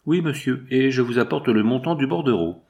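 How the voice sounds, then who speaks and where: A man's voice: mid-range voice, a little fast, creaky, darkish tone, lightly acted. A man voicing a dutiful male cashier who answers politely in a storybook reading.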